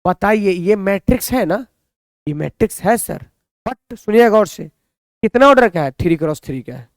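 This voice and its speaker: A man's voice: high voice, animated, moderate pace, no echo, clean studio sound. A man teaching a maths lesson, who keeps asking the students questions and answering them himself.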